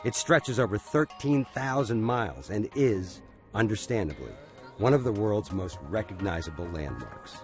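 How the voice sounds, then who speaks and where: A man narrates a sports documentary in a studio voice-over, his low voice rising and falling with plenty of swing. He tells the story in an upbeat, wry way, with soft music running underneath. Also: expressive, moderate pace. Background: soft music bed.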